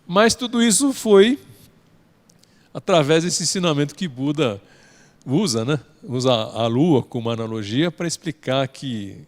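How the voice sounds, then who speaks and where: A man's voice: on the high side, animated, unhurried. Storytelling Brazilian man with reverb. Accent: Brazilian Portuguese. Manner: tags sentences with a questioning "né?". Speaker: religious study instructor. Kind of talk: storytelling lecture. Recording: long hall reverb.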